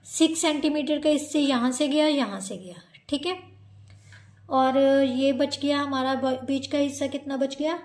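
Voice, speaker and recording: A woman with an Indian accent and a high, light voice gives a maths lesson. She works through every step patiently and keeps checking with her students. Her voice sometimes drifts a little off the mic as she moves to write. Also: a little slow, a little mellow. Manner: patient, explains step by step, often calls students "beta". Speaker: maths teacher.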